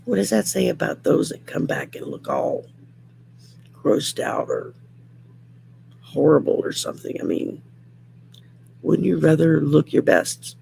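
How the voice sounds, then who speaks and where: A middle-aged woman with a heavily creaky, gravelly whiskey voice chats casually as a live host. She takes her time and rambles in a plain-spoken way, over a faint hum of background noise. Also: sits low, wildly swooping pitch, measured pace, pauses often, mellow. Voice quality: gravelly whiskey voice, raspy and worn. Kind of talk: casual live chat, reading out comments.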